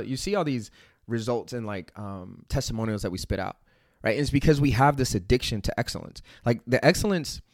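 A low-pitched man talks intensely about fitness and drive. He fills his talk with "like" and "right?" and swears casually as he pushes his listeners. The sound is dry and close. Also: darkish tone, no room sound. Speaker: fitness company owner. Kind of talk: motivational talk.

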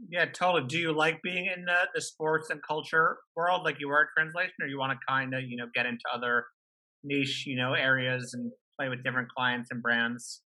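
A man's voice: mid-range voice, level tone, brisk, sharp tone, rough recording. A man hosting an interview series, upbeat and friendly as he introduces and questions his guest. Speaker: host. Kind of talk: casual interview.

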